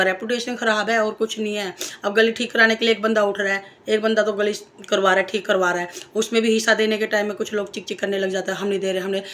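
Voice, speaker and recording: A vlogger with a medium-pitched, slightly bright female voice talks casually to the camera, sharing her opinions. She's emphatic and repeats phrases, throws in rhetorical questions, and tells stories from her own life in this relaxed spoken monologue.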